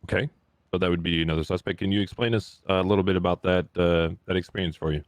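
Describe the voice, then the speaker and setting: Deep-voiced man questioning a witness. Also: fairly even intonation, no room sound, studio quality. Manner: halting, with fillers. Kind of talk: courtroom roleplay questioning.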